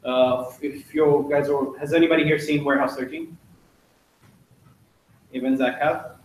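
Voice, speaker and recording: A man's voice: a little high, little pitch movement, moderate pace, very echoey, slight background noise. A young man giving a casual, joking club talk with slides, chatty and full of fillers, recorded from far off in a classroom. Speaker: student club presenter. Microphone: distant room mic.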